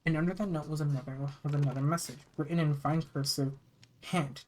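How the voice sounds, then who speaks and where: Halting storyteller reading a scary story aloud. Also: mid-range voice, fairly even intonation, darkish tone, slight background noise. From United States. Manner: halting reading, often stumbling and repeating phrases. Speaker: narrator reading scary stories. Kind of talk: reading a first-person horror story aloud, with casual asides.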